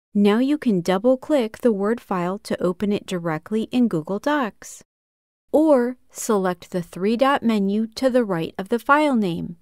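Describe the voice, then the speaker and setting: A woman in her thirties walks through a computer tutorial in a calm, measured way, one step at a time. She sits close to the mic in a small room. The recording is dry. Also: medium pitch, dry recording. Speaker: tutorial host. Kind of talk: scripted software tutorial.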